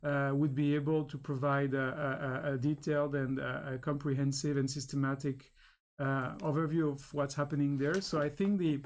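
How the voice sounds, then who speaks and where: Man on a panel, fairly high voice, flat monotone, many uhs, measured answer. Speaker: panelist, researcher.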